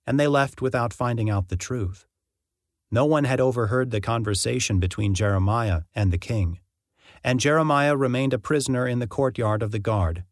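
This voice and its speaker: A man reading scripture aloud in steady, measured narration. His pitch sits at an ordinary middle, and the sound is dry and close with no room echo. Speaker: scripture reader.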